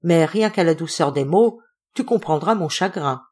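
A lovesick male ape-man pours out his sorrow in a soft, plaintive voice. His tone sits fairly low and sounds tender and sad throughout, as a woman reading an audiobook puts him on. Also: animated, moderate pace, husky. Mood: mournful.

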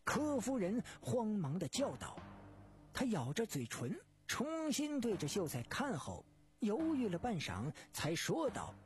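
A storyteller narrating a dramatic tale in an expressive, measured way. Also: medium pitch.

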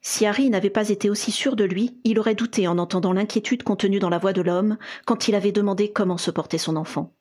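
A woman narrating a fan fiction audiobook in a steady storytelling manner. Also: mid-range voice, fast talker, few pauses, husky. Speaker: audiobook reader.

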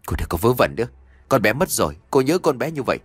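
A man's voice: medium pitch, big pitch swings, slightly rough, no echo. A man voicing a stern, angry father who scolds his wife in an audio story. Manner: scolding, fast.

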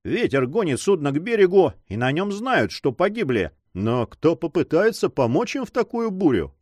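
A man's voice: a little high, very animated, normal speed, a little mellow, no echo, clean studio sound, pitched above the performer's own voice. A man voicing a cautious older uncle and governor who scolds the young men in a story. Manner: worried, scolding.

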